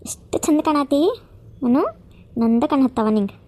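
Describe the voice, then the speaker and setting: A woman's voice: high voice, a little slow, a little mellow. A woman voicing a caring, protective elder sister who coaxes and scolds. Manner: coaxing, then firm and scolding.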